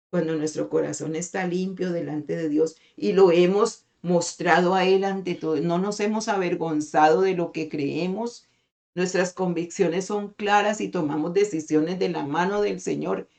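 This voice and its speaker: A middle-aged woman pastor gives a devotional sermon over an online meeting call. Her voice sits low, and she talks expressively, pausing often to put rhetorical questions to her listeners. She slows down whenever she reads scripture aloud. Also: vocal fry, darkish tone.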